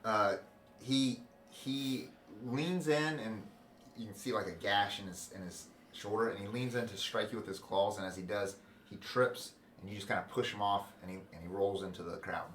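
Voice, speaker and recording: Low-voiced man running a tabletop game. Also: normal speed, slight background noise. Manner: excitable, laughs often. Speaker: dungeon master. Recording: echoey room, mic far off.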